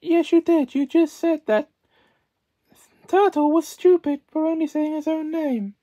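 Man voicing a prim, high-pitched scolding schoolmarm doll. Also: fairly even intonation, unhurried, mellow. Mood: stern, indignant. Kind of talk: amateur puppet show role-play.

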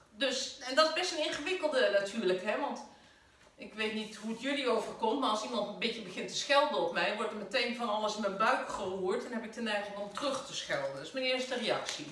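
A woman with a Dutch accent, a spiritual caregiver giving a gentle, conversational sermon from home. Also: fairly high pitch, animated, brisk, distant mic, slight background noise. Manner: gentle, conversational preaching with fillers. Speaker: spiritual caregiver leading a service. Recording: very echoey room, voice off-mic.

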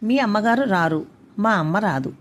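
A woman's voice: mid-range voice, animated, normal speed, natural voice. A woman voicing a bewildered young husband who tries to soothe his wife in a read-aloud story. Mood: placating. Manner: soothing, placating.

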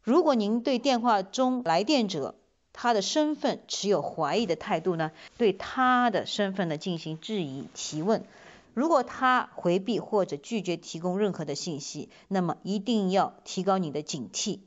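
A woman giving a semi-scripted public safety announcement as a police community liaison officer, measured, instructive and emphatic. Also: mid-range voice, lively intonation. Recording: dull, band-limited lo-fi voice recording.

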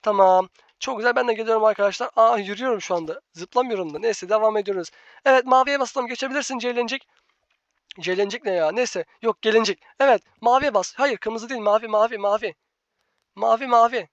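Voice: mid-range voice, a little fast. A gaming channel host talks through live gameplay, bossing a teammate around and repeating the same instructions with growing exasperation. The recording is dull and lo-fi, with a dry, close sound and no room echo.

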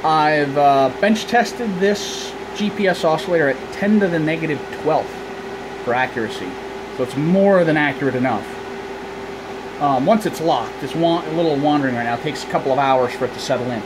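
Filming with a handheld camera or phone, a male amateur radio operator walks through his small indoor room of radio racks, demonstrating the gear and reasoning out loud in a relaxed, hobbyist way. His voice sits fairly high and moves at a moderate pace. Fans and ventilation equipment make a loud noise in the background.

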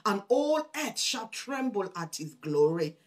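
A woman's voice: mid-range voice, sing-song, a little slow. Fervent woman preaching a sermon. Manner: fervent, repeats phrases, swells loud on scripture, drops soft on asides; addresses listeners as brethren. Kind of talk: sermon with scripture reading.

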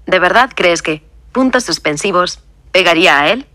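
Woman reading defiant older teen boy, curt, lowish voice. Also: expressive, normal speed, bright, forceful tone, no echo, studio quality. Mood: tense. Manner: curt, through clenched teeth.

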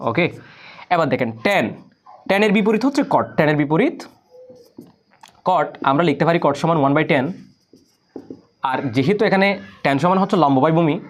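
A man with a Bangladeshi Bengali accent teaching a math lesson, explaining step by step and repeating key words. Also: fairly high pitch. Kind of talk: recorded classroom lesson.

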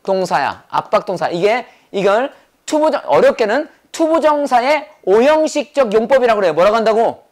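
A man teaching English grammar in a brisk lecture, drilling points over and over and firing rhetorical questions at his students. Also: high voice, sing-song. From South Korea. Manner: quizzing with rapid rhetorical questions. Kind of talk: classroom lecture.

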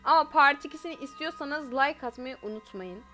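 A woman's voice: high-pitched, animated, brisk, sharp tone, soft background music. A woman hosting a spooky online game video, calling out frantically for missing friends. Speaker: gaming video host. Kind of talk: frightened gameplay commentary.

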